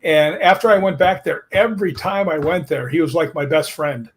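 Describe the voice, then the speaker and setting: A man's voice: on the high side, normal speed, husky. A man chatting as a guest, telling stories at length and acting out what others said. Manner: storytelling, quotes others in lively asides. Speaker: podcast guest. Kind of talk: casual chat.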